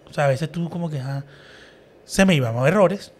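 A man hosting a casual podcast chat, animated and acting out the people in his stories. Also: a little high, normal speed. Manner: animated storyteller, acts out quoted people. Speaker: podcast host.

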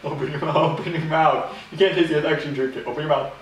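A man's voice: a little high, fairly even intonation, fast. A young man doing a casual challenge video with a friend, teasing and squealing in disgust. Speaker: vlogger. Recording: echoey room, distant mic, faint hiss.

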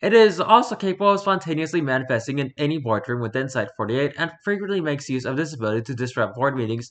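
A man's voice: mid-range voice, fairly bright tone. A man casually reading a story document aloud and adding dry, sarcastic asides. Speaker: reader.

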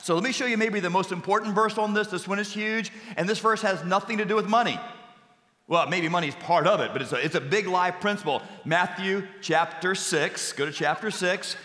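A man's voice: high-pitched, fairly quick, bright, forceful tone. A man preaching a sermon to a congregation as pastor, emphatic, repeating key phrases and dropping jokey asides. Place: church sanctuary with congregation. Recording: echoey hall reverb.

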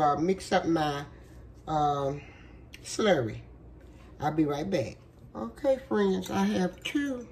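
A woman hosts a casual cooking demonstration from her home kitchen, chatty and folksy and full of filler words, her voice worn down by a cold. It is lowish and a little mellow, with slight background noise.

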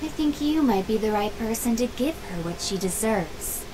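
A woman's voice: a little high, animated, moderate pace, lightly acted. A woman voicing a cool, scheming teenage schoolgirl informant in a video game, detached, curt and businesslike. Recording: noisy game playback.

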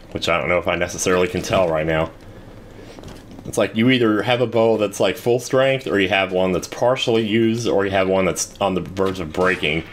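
Man, low voice, casual gameplay commentary, wry, rambling, faint background noise. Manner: rambling, wry, self-deprecating. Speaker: let's play host.

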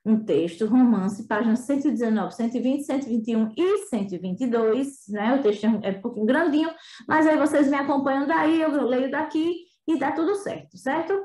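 Brief: high-voiced woman teacher, chatty with tag questions, echoey room. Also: fairly quick, a little mellow. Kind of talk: remote class lesson.

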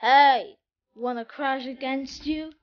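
A woman's voice: high voice, slow pace, lo-fi sound. A woman playing a sighing, reluctant Moon. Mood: mock-sinister. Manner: sighing, reluctant, mock-sinister when red. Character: weary, reluctant Moon with a put-on evil voice.

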